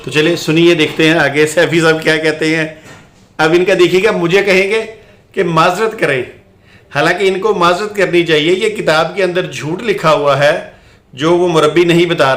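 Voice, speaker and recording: A man talks viewers through a debate clip in an argumentative, insistent way, returning to his point again and again. His voice sits fairly high. The room around him rings with echo. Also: fairly bright tone. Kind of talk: argumentative commentary.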